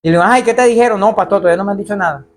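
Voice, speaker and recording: High-voiced preaching pastor, man. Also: racing. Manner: animated preaching, acts out quoted voices. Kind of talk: sermon. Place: church.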